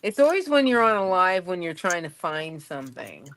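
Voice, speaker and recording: A woman's voice: fairly low pitch, big pitch swings, moderate pace, background noise. A woman hosting a casual craft livestream, chatting playfully with guests and greeting viewers by name. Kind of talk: casual chat on a live stream.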